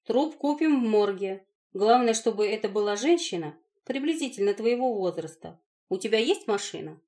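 A calm, calculating grown man voiced by a woman reading an audiobook speaks in a level, matter-of-fact way, a touch louder than the narration. His pitch sits in an ordinary middle range. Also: normal speed, natural voice. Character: calm, calculating adult male lover. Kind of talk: audiobook character voicing.

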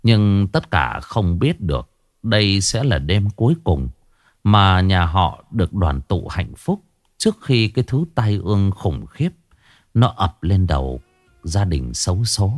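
A man narrating a horror story in a slow, dramatic storytelling manner. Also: low voice, sing-song, dry recording, clean studio sound.

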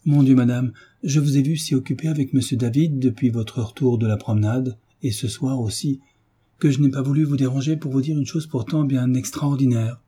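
A man's voice: medium pitch, steady tone, brisk, warm tone, husky, lightly acted. A man doing a chatty country maid. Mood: eager. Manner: garrulous, rustic, breathless storytelling.

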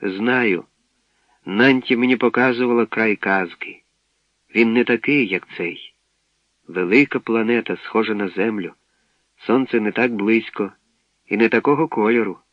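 A man voicing an eager, impulsive young boy on a space voyage, exclaiming excitedly, on a dull, dry recording. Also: lowish voice, unhurried, pauses often, no room sound, natural voice. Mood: earnest.

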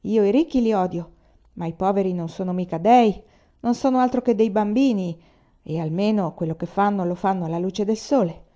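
A woman reading the lines of a calm, hard-hearted male rebel leader, blunt and unsentimental. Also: medium pitch, fairly quick, muffled recording, close to an everyday voice.

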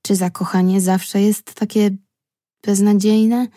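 A woman's voice: fairly low pitch, slow, dark tone, dry recording, clean studio sound. A woman voicing a drowsy, heartbroken girl of nearly fourteen who mumbles her words in an audiobook. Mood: sleepy.

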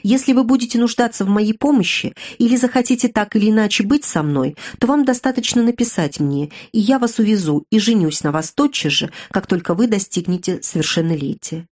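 A woman voicing a ruined young man in an audiobook, speaking in a measured, grave and resigned way. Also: medium pitch, a little mellow, lightly acted. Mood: earnest. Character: young man, earnest, bitter, ruined suitor.

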